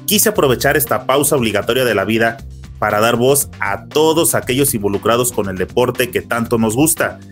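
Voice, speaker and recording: A man's voice: medium pitch, fairly bright tone. A man hosting a sports podcast, opening the show and interviewing a guest in a friendly, respectful way. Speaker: podcast host.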